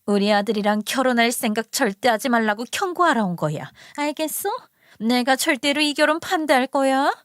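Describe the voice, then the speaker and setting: A woman's voice: on the high side, animated, brisk, fairly bright tone, no room sound, clean studio sound. A woman voicing a sneering snobbish mother-in-law. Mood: scolding. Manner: scornful, insulting, bossy. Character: haughty middle-aged woman, snobbish professor mother-in-law.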